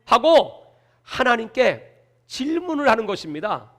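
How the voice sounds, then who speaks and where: A male pastor delivering a sermon with animated, dramatic storytelling. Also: very high voice, measured pace.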